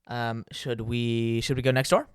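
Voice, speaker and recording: A man's voice: medium pitch, fairly even intonation, unhurried, clean tone, dry recording, studio quality. A man co-hosting a casual podcast, joking, laughing often and slipping into sing-song bits while reading posts aloud. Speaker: podcast co-host.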